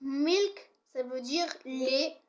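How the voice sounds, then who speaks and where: A woman's voice: high voice, very slow, muffled recording. A young woman giving a casual home video lesson, chatty and apologetic, often restarting her sentences. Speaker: youtuber teaching English words.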